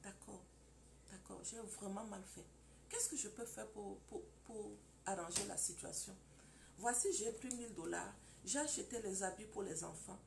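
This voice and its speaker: Woman acting as a soft, meek apologetic wife. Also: mid-range voice, lively intonation, moderate pace, background noise, lightly acted. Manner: soft, submissive, pleading. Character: meek, apologetic wife calming her husband.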